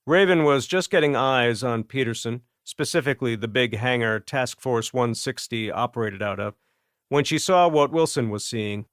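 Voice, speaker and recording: A man reads an audiobook in a measured, steady way. His voice sits mid-range and sounds close and dry, as in a studio booth. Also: mid-range voice, no room sound. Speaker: audiobook narrator. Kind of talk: scripted narration.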